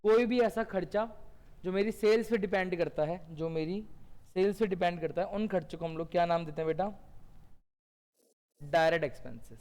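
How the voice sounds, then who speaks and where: A man teaching a classroom lecture, asking questions and answering them himself, slowing down on key definitions. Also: sits high, a little mellow. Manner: drawn-out, slow phrasing on key definitions. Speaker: accountancy teacher.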